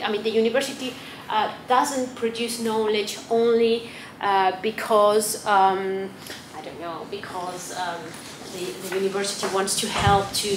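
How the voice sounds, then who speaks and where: A woman from Chile, a native Spanish speaker, giving a symposium talk in a roomy, echoing hall, with a steady hiss of noise underneath. She speaks at a mid pitch and feels her way through her points with frequent ums and restarts. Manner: hesitant, many fillers and restarts. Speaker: academic panelist. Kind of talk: symposium presentation. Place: conference room.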